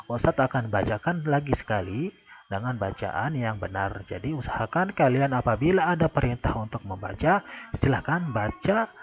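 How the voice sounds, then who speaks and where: A man with an Indonesian accent teaching an Arabic lesson, explaining slowly and patiently with much repetition. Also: mid-range voice, highs cut off. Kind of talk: recorded classroom lesson.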